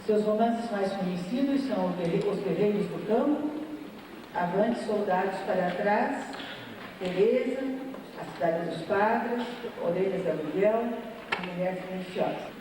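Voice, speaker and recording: Woman, Brazilian accent, formal introduction, roomy hall echo, faint background noise. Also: medium pitch. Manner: measured reading with small slips. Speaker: event host introducing the speaker. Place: large hall with audience. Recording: echoey hall, distant mic, background noise.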